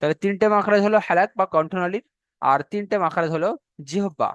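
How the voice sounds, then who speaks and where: A man teaching a class on pronouncing Arabic letters, slow and repetitive, drawing out each letter sound and checking in with his students. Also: sits high, no echo, dull audio. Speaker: Quran recitation teacher. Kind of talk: classroom lesson on letter pronunciation.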